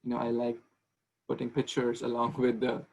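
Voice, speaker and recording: A man's voice: mid-range voice, completely flat delivery, normal speed, vocal fry, a little mellow, poor audio. A man in his thirties giving a conversational online devotional class over a video call, with frequent restarts. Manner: conversational, repeats and restarts words, asks questions. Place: small room indoors with ceiling fan. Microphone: video call webcam.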